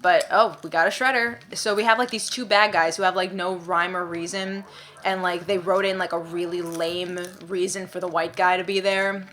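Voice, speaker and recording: A young woman chatting casually as co-host, with a bright, forceful tone and a slightly low pitch. She rambles, stacking fillers and restarting her sentences as she goes. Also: fairly even intonation, normal speed. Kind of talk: casual chat. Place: indoors, eating popcorn.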